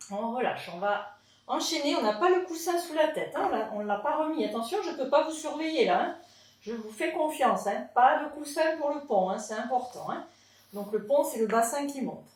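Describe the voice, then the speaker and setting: A woman's voice: a little high, darkish tone, distant mic. A woman teaching a pilates class at home, chatty and encouraging as she guides the moves. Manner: chatty and encouraging, tags lines with "hein". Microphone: camera in front of her. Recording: echoey room, voice from afar.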